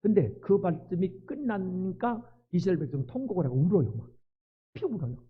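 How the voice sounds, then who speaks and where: A male pastor delivers a sermon in a high, strongly animated voice with a husky edge. He drops to hushed pleading and then rises to loud, fervent cries. The sound is thin and tinny, like a phone line. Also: fairly quick.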